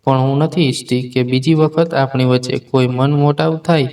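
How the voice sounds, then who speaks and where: A man voicing an angry, defiant young wife in a spoken story, in a sharp tone. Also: medium pitch, fairly even intonation, moderate pace, close to an everyday voice.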